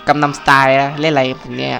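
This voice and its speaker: A man's voice: mid-range voice, level tone, quick pace, creaky. A young man commentating live over a game, talking casually into a home mic. He stays chatty and playful, with frequent exclamations and jokes at what happens on screen. Game sounds and faint music run beneath his voice. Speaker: gaming channel host. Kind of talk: live Let's Play commentary. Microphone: home mic, recorded live over gameplay.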